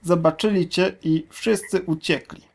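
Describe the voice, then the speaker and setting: A man voicing a smaller, scornful male crocodile in a storybook reading, with a high, mocking tone. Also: fairly even intonation, measured pace, vocal fry, full character voice. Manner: squeaky, mocking.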